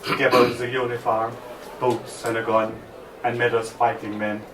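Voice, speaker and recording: An Irish man performing as a storyteller at a live open mic, reciting in a dramatic, measured way. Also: mid-range voice, flat delivery. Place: bar open-mic night, distant microphone. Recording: roomy, noisy bar recording from far off.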